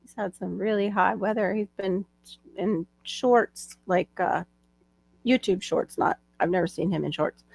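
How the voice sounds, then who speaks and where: A woman's voice: mid-range voice, measured pace, gravelly, a little mellow, dry recording. A middle-aged woman hosting a livestream, chatting casually and laughing often. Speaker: livestream host. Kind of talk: casual chat. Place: home livestream. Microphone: video call.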